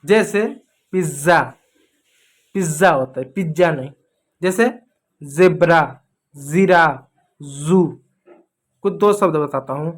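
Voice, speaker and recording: A man's voice: fairly high pitch, takes it slowly, pauses often. A man from India teaching English pronunciation, drilling each word over and over in a teasing, scolding way. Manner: repetitive, drilling words over and over. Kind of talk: classroom lesson.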